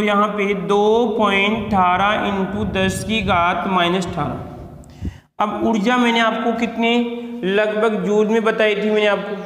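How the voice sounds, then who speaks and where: A man's voice: high-pitched, a bit bright, reverberant, big-room sound. A man teaching an online chemistry class, asking his students questions and answering them himself, at times sternly scolding careless ones.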